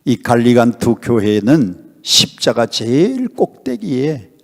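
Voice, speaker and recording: Older male elder pastor, revival preacher; animated delivery with big pitch leaps, heard with long church-hall reverb. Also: takes it slowly, gravelly. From Honam, South Korea. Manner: emphatic preaching with sudden pitch leaps and questions to the congregation. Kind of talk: revival sermon. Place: church sanctuary at a revival meeting.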